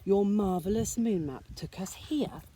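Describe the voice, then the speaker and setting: A woman voicing a kind, steady male bear in a storybook read-aloud, calm and reassuring. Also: mid-range voice, measured pace, a little hiss or hum, lightly acted.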